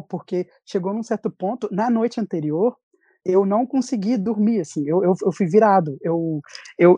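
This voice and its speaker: Over a video call from his home desk, a young Brazilian-accented man, a recent graduate on as a guest, animatedly recounts a story in relaxed conversation, often starting over. His voice is high, mellow and slightly rough, with no room sound.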